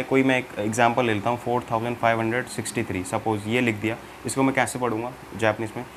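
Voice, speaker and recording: With a little background noise behind him, a medium-pitched man patiently leads a Japanese language lesson. He goes over each step again, makes sure the learner keeps up, spells out each example, and slips English terms in as he goes.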